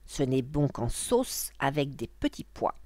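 Theatrical scheming old witch, as a woman acts her out, storybook, swooping lively voice, dry close sound. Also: very deep voice, measured pace, dry recording, full character voice. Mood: vengeful. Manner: cackling, theatrical.

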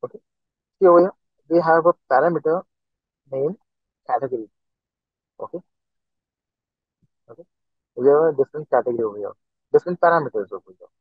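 Here the lecturer's higher-pitched voice moves a little fast but leaves long pauses, in a dry recording. He guides an online class through each step, saying "okay" over and over, heard through a screen recording of a video call with a computer mic and tinny audio.

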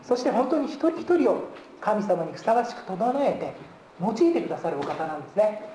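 A fairly high-pitched man preaches a sermon from a church pulpit. He keeps filling pauses with a long "ee" and drops in gentle humor. The live stream carries the roomy echo of the sanctuary, with faint hiss underneath. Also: very animated. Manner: fills pauses with drawn-out "ee", jokes lightly. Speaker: guest pastor.

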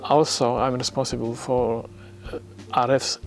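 Older Polish-accented man, measured speech. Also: medium pitch, level tone, soft background music. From Poland. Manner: plain, measured, slightly halting English. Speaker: senior radio technician. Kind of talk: documentary interview. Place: radio studio.

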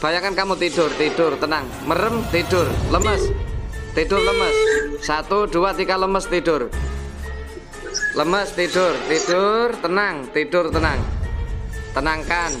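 A man leading a remote ruqyah session, giving slow repetitive soothing commands, counting and reciting. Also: fairly high pitch. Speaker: ruqyah healer. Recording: loud background music.

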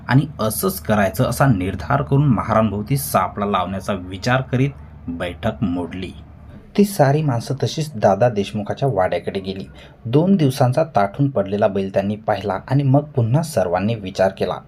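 A man reading a story aloud in a measured, grave narrating manner. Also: fairly low pitch, a little mellow, a little hiss or hum.

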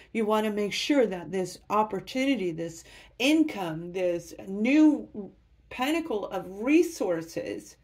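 A woman's voice: medium pitch, a little mellow. A woman giving a tarot reading to camera, upbeat and speaking straight to her viewers. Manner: enthusiastic, addresses viewers directly. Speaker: tarot reader.

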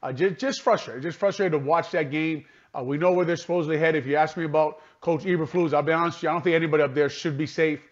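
A man's voice: fairly high pitch, fast, few pauses, muffled recording. A man giving postgame radio analysis, sounding frustrated, repeating himself and restarting sentences as he talks. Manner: frustrated, repetitive, restarts often.

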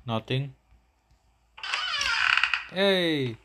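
A man's voice: mid-range voice, lively intonation, extremely slow, heavy background noise. A young man giving goofy let's-play commentary, joking about himself in the third person. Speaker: gameplay commentator.

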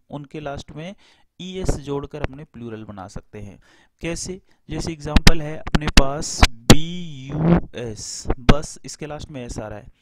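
Man, teacher, slightly high voice, asks and answers own questions, classroom-style explanation. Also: very noisy.

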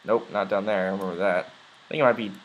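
Quick-paced and steady, a young man with a lowish voice chats casually over a video game, rambling and dropping lots of ums and uhs. It's a let's play, and the recording quality is low.

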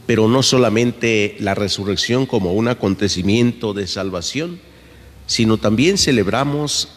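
A male priest solemnly reading scripture and preaching in a measured way, with his voice echoing through a church like a cathedral. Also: lowish voice. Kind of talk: liturgical Gospel reading and homily. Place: church sanctuary, at the lectern.

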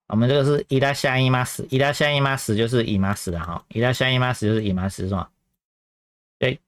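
A man's voice: medium pitch, no echo. A man teaching Japanese grammar in a chatty way, repeating phrases and tagging them with filler particles. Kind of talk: grammar lesson explanation.

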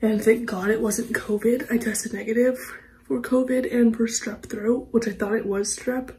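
A young woman chats casually at home for a vlog, her fairly high, mellow, husky voice nasal and stuffed up from a cold. She rambles at a moderate pace with fairly even intonation, often dropping to a half-whisper, and the recording is rough.

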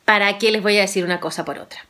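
A woman telling a folktale aloud, playful and animated, talking straight to her listeners. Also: medium pitch, racing. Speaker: storyteller. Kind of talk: oral storytelling.

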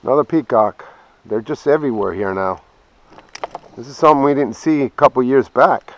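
An angler films his own fishing trip from a small open boat out on a waterway, chatting casually in vlog style. His voice is medium-pitched and at a normal speed, picked up by an action camera on his chest or head, with the highs cut off and background noise clearly audible.

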